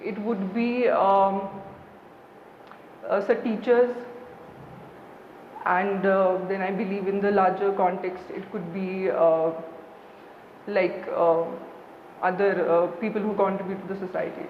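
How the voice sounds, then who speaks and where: A young woman with a Kashmiri accent speaks as an interview candidate. She is formal, deferential and halting, in a reverberant hall with dull sound and some background noise. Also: mid-range voice, flat delivery. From Srinagar, Kashmir, India. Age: young adult. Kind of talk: formal mock job interview answers.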